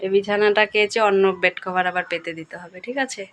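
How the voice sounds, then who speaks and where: A young woman vlogger chatting casually through a home voice-over, speaking softly and often checking in with her viewers. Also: medium pitch, fairly even intonation, fast talker, a little hiss or hum. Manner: speaks softly late at night. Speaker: daily-life vlogger.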